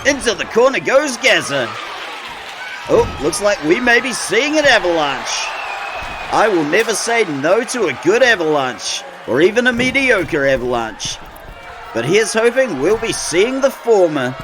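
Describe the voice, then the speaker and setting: Calling the wrestling play-by-play as host and commentator, this man sounds high-pitched and sing-song, speaking a little slowly. He's sardonic and opinionated, with mock-grumpy asides. Crowd noise, music, and other background noise can be heard.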